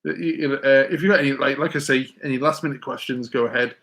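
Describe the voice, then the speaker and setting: A man's voice: mid-range voice, fairly even intonation, quick pace, fairly bright tone. A man answering viewers' exam questions on a live stream, rambling with many stammered restarts and reading chat messages aloud. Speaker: physics teacher hosting a live Q&A.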